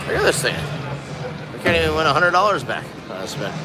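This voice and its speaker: A man's voice: a little high, big pitch swings, brisk, a loud crowd, rough recording. A man of fifty doing casual live-stream commentary as he gambles, exclaiming and chatting to his viewers. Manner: exclamatory, talking to chat and machine. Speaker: casino slot live streamer. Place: casino gaming floor. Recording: loud casino music behind voice.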